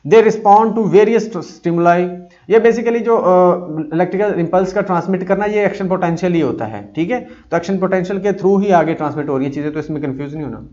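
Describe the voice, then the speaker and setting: Guy teaching neurons, kinda high voice, reads english slow then explains, muffled lo-fi audio. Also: dark tone. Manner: reads English lines slowly, then explains in Urdu-Hindi with many fillers. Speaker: psychology teacher. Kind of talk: explaining a lecture. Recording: dull lo-fi audio.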